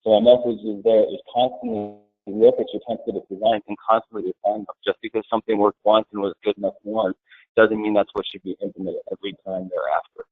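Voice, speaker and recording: A man on a webinar panel, explaining grid security in a plain, steady way. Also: fairly low pitch, quick pace, breathy edge, no echo. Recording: tinny phone-like line, dry.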